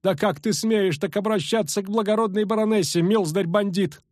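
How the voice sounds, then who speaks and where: A man doing a shrill wailing old noblewoman. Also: a little mellow, no room sound, studio quality, close to an everyday voice. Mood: indignant. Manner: wailing, slow and drawn out. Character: shrill older noblewoman chaperone, indignant.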